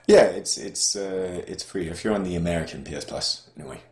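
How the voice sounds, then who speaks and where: A man's voice: low voice, fairly quick, darkish tone. A man co-hosting a casual podcast chat, rambling and hesitant, often restarting his sentences. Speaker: podcast co-host. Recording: roomy echo.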